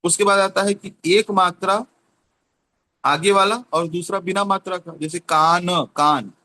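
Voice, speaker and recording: A man explaining a teaching method in an online class, slowly repeating example words. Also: high voice, steady tone, sharp tone. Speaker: teacher training trainer.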